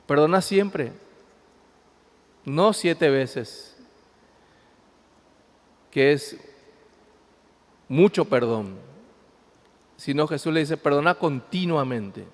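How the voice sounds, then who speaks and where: A pastor preaching a sermon, reading scripture aloud and explaining it, swinging between loud emphasis and quiet asides. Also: male voice, fairly high pitch. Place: church. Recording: long hall reverb.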